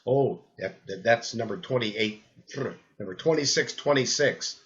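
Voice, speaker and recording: An older man with a rambling, halting delivery who repeats words as he talks through supplements, recorded as old camcorder audio. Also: medium pitch, a bit bright, dull audio. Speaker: health supplement presenter. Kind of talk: rambling spoken talk.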